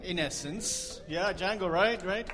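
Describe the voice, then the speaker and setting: A high-voiced man with a fairly bright tone and measured pace leads a band, joking and chatting with the crowd between songs on a concert stage. He laughs at his own jokes, and the recording carries live concert hall reverb.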